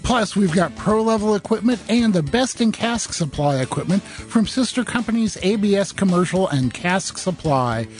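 A high-pitched male voice reading an ad in a brisk, salesy pitch, with faint music behind him. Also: lively intonation. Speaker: ad announcer. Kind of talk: read advertisement.

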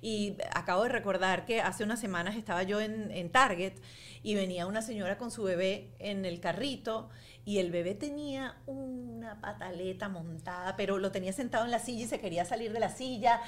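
A woman hosting a podcast interview, telling anecdotes in an animated way and laughing often. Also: mid-range voice, brisk, slight background noise. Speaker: podcast host. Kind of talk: casual interview chat.

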